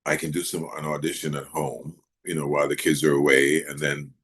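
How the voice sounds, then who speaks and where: A middle-aged man from Jamaica, raised in Maryland, chatting in an interview in a relaxed, rambling way with many fillers. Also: extremely low pitch, brisk. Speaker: actor guest. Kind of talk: casual interview chat.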